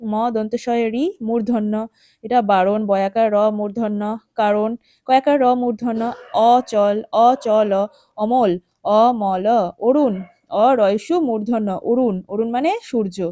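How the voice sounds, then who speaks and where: A woman's voice: medium pitch, warm tone, dry recording, clean studio sound. A woman teaching a first-grade textbook lesson with a West Bengal Bengali accent, patiently counting and spelling words aloud and often checking in with the children. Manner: patient, coaxing, checks in with "ঠিক আছে?". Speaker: primary school teacher.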